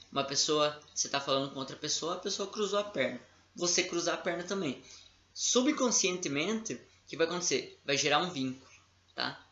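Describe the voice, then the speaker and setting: A man with a Brazilian Portuguese accent and a sharp, rather high voice gives a casual lecture as an instructor, frequently checking in with his listeners. The recording sounds dull and lo-fi, with room echo.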